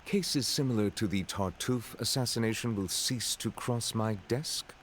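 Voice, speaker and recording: A man's voice: on the low side, normal speed, a little hiss or hum, lightly acted. A man voicing a reserved, formal chief judge in a video game who speaks in a stately, carefully worded way. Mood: grave.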